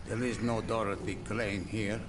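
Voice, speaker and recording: An actor playing a curt, suspicious male gatekeeper in a game, gruff and dismissive. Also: on the low side, fairly even intonation, normal speed, close to an everyday voice. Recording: noisy game audio.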